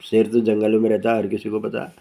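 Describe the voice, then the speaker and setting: A man's voice: monotone, fast talker, vocal fry, dark tone. Rambling man telling a folk tale. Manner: rambling, repeats "bola" often, loses track and circles back; voices characters in quotes with pitch jumps. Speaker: storyteller. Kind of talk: casual spoken storytelling.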